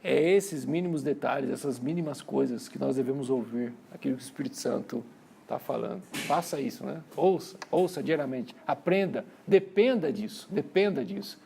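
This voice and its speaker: His voice is mid-range and warm, with vocal fry and a breathy edge, delivered at an ordinary pace. This Brazilian Portuguese-accented man preaches conversationally at a church conference, retelling family stories with acted-out lines, repeating phrases, and calling listeners brothers.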